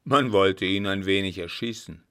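A man playing a gruff old field marshal. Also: low voice, moderate pace. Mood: gruff, bantering. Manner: loud, brusque, bantering.

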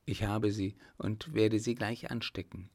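A man voicing a cautious plotting baron in a spoken storybook, speaking low and conspiratorially. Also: fairly even intonation, unhurried, a little mellow.

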